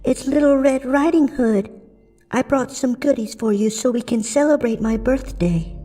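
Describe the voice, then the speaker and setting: A man's voice: very high voice, normal speed, dark tone, pitched above the performer's own voice. A man voicing an innocent young girl who speaks timidly, slightly trembling, in a storybook horror tale.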